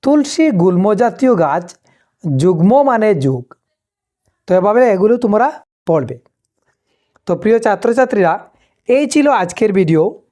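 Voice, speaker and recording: Woman teacher with an Assamese Bengali accent, patient, unhurried, soft mellow tone. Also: mid-range voice, very animated. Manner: patient, spells out conjunct letters slowly. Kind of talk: textbook lesson.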